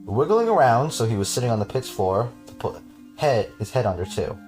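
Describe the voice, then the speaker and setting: A man's voice: medium pitch, very animated, a little fast, darkish tone, soft background music. A man hosting a podcast, reading a horror story aloud with casual, chuckling asides to his cohost.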